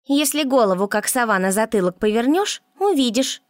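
A woman's voice: on the high side, expressive, moderate pace, no echo, studio quality, voice pushed up, close to an everyday voice. A woman reading an audiobook voices a bossy, scolding female water spirit in a raised voice. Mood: grumbling.

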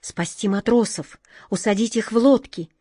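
A steadfast old sea captain from a children's tale, as a woman reader puts him on, declaiming with heat and conviction. His lines come slow and weighty, and the dry close sound leaves no room echo. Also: medium pitch, dark tone, breathy edge, close to an everyday voice. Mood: ardent. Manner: ardent, declaiming. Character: brave, stern old sea captain, man.

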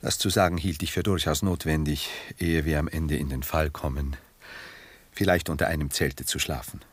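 Playing a cultured, coolly ironic gentleman in a 1960s German radio drama, a man speaks with measured, formal and detached courtesy. He has a bass voice with a steady tone and a breathy edge, recorded dry.

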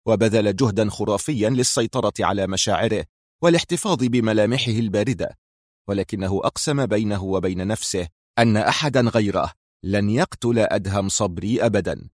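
A man narrating a spy thriller audiobook in a steady storytelling manner. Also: fairly low pitch, dry recording, clean studio sound. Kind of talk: scripted narration.

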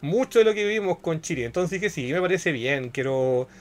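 A man's voice: on the high side, animated, moderate pace. Chatty Chilean podcast host, man. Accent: Chilean Spanish. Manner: chatty, slangy, explains at length. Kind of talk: casual podcast chat.

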